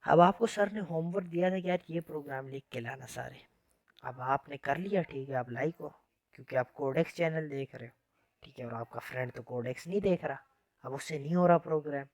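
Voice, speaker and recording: A man's voice: a little high, a little fast, creaky, dry recording. A man giving a casual, chatty programming lesson in an informal, friendly way. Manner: chatty, informal, says "yaar" often. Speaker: programming teacher. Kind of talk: casual classroom lecture.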